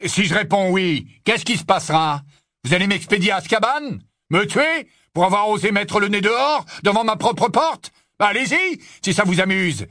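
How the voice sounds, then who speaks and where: A man voicing a gruff old male barman who is defiant and scornful, shouting and mocking. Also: high voice, animated, normal speed, no room sound, clean studio sound, voice pushed up.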